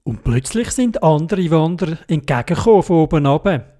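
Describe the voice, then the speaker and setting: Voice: mid-range voice, a little fast. A storyteller with a Swiss German accent telling a children's story in a sing-song way. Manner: sing-song, lively, singing little songs.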